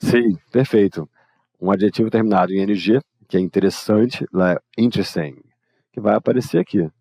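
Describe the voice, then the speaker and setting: A man's voice: lowish voice, fairly quick, warm tone, no echo. A man with a Brazilian Portuguese accent teaching English grammar in a live online lesson, explaining informally and talking straight to his students.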